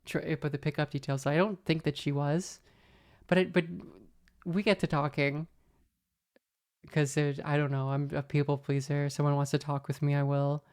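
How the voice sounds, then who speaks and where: A woman with a notably low voice, chatting casually as a podcast host. She rambles through anecdotes with a wry edge, loaded with fillers and restarts. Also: little pitch movement, normal speed, darkish tone.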